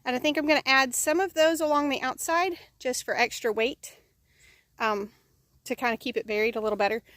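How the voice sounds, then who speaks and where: A woman's voice: high voice, fairly even intonation, a little fast, fairly bright tone, no echo. A woman vlogging outdoors at her chicken pen, explaining the work in a casual, chatty way with plenty of ums and uhs. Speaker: homesteading vlogger.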